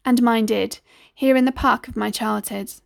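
A woman narrates a first-person story for an audiobook, reading in a measured, deliberate way. Her voice is fairly high with a gravelly, creaky edge, and the sound is dry and close. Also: steady tone, no room sound.

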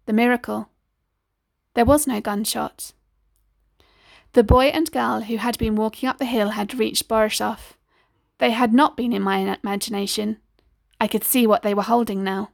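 Woman reading an audiobook story, slow and steady, kinda high, gravelly, dry close sound. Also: no room sound. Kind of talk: scripted audiobook narration.

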